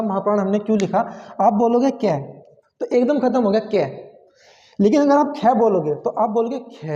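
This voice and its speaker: A man's voice: high voice, dark tone. A man teaching a grammar lesson, explaining step by step and asking and answering his own questions. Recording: dull sound with long hall reverb.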